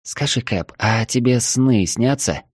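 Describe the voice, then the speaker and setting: A man's voice: mid-range voice, unhurried, husky, no room sound, studio quality, voice pushed up. A male reader voicing a frightened young woman from the capital, anxious and pleading. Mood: wary. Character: frightened young Moscow woman on a river trip.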